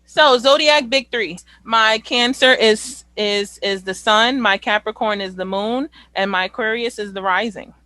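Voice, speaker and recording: A woman's voice: on the high side, measured pace, few pauses, no room sound. A woman, hosting a casual, playful group chat about dating. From New York. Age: 20s. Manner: playful, animated, slangy. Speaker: host.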